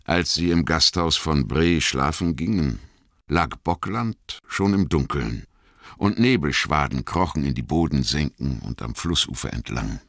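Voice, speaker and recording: Male narrator, extremely low voice, dramatic storytelling, dry booth sound. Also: animated, a little slow, fairly bright tone, dry recording. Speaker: audiobook narrator.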